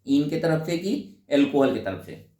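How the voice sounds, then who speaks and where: A man teaching a chemistry lesson, asking questions and answering them himself and slowing down to spell out names term by term. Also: a little high, very animated, dark tone, echoey room, distant mic, a little hiss or hum. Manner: asks questions then answers them, mixes in English phrases. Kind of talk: explaining a lesson.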